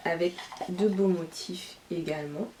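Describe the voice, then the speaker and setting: A woman's voice: lowish voice, steady tone, a little slow, dark tone. A woman from Niger with a light Nigerien French accent, chatting casually as a YouTuber at home and answering questions with frequent filler phrases. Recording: distant mic with faint hiss.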